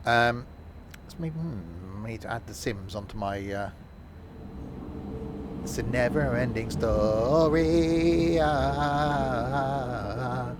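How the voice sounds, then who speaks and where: Very slow and full of long pauses, this mid-range male voice comes through a very noisy recording. He's streaming a train sim, chatting casually about the gameplay in a rambling, self-deprecating way.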